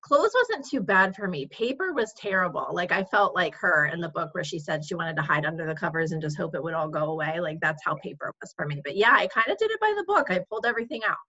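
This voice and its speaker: A woman's voice: lowish voice, very animated, fast, hardly any pauses, sharp tone, slightly rough. A woman in her forties, a guest on an interview podcast, talking casually and laughing often. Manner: chatty, laughs often, uses "like" a lot. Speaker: guest, organizing consultant. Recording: dull lo-fi sound.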